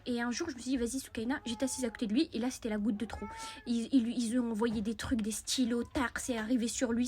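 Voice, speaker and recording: A young woman telling an animated, rambling storytime to camera, often restarting her sentences. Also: fairly high pitch. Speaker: content creator.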